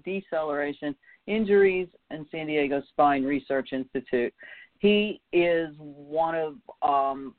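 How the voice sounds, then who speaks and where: A man's voice: on the high side, dry recording. Upbeat man hosting over a phone line. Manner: chatty, filler-heavy, upbeat. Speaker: radio show host. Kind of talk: call-in internet radio hosting. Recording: tinny phone-line sound.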